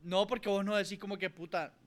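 A man's voice: sits high, fairly even intonation, quick pace, a crowd in the background. A man, co-hosting a podcast, rambling and laughing through crude jokes. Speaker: podcast co-host. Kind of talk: casual podcast banter.

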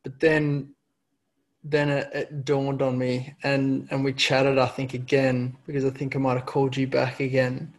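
A man's voice: medium pitch, completely flat delivery, measured pace. A young man telling a personal story in casual chat. He stumbles and repeats words often as he talks.

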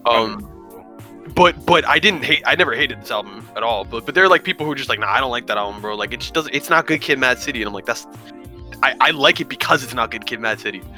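Bright-voiced young man, casual chat. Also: mid-range voice, fast talker, soft background music. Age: 20s. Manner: animated, lots of "like". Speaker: podcast host.

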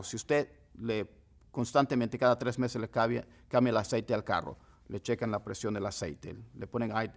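A man teaching English pronunciation to Spanish speakers, repeating each word slowly and clearly in a casual, friendly way. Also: fairly low pitch.

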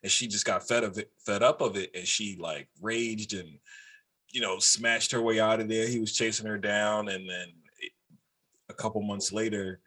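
A podcast co-host with a husky, somewhat low voice. He talks bluntly and profanely, arguing his points in casual banter. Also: fairly even intonation, moderate pace, sharp tone. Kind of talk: casual chat.

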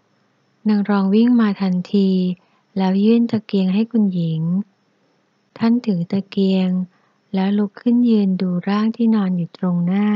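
Woman narrator, steady novel reading; dry, slightly dull audio. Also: mid-range voice, dry recording. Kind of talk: reading a historical novel aloud.

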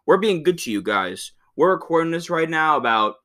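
A man's voice: fairly high pitch, sing-song, normal speed, bright, forceful tone. A young man co-hosting a podcast, tossing in crude, laid-back jokes. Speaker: podcast co-host. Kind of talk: casual chat.

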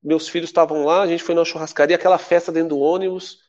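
A Brazilian man in his forties tells a story as a guest, with a voice pitched a little high for a man. He talks casually and leaps higher when he quotes others. The recording sounds slightly muffled and lo-fi. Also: fast talker. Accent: Brazilian Portuguese. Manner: lively, acts out quoted voices with big pitch jumps. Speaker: podcast guest, former athlete.

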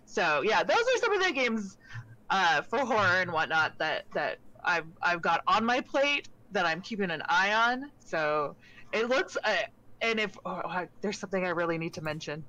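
A woman streamer in casual chat, talking with animated enthusiasm. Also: on the low side, moderate pace, low-quality recording.

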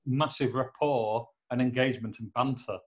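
Joking English podcast host, rambling. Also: male voice, medium pitch, fairly even intonation, moderate pace. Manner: rambling, joking, lots of fillers. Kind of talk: casual podcast chat. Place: home office. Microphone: laptop.

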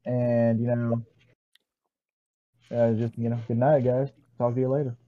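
A man co-hosting a podcast, talking in a relaxed, rambling way. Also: medium pitch, measured pace, no room sound. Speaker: podcast co-host. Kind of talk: casual chat. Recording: dull lo-fi mic.

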